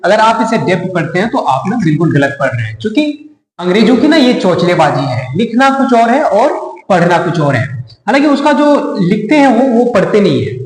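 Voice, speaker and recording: A man's voice: sits high, big pitch swings, a little fast. A man giving a casual spoken pronunciation lesson in a playful, chatty way, with teasing asides. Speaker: English pronunciation teacher. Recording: echoey room with long reverb.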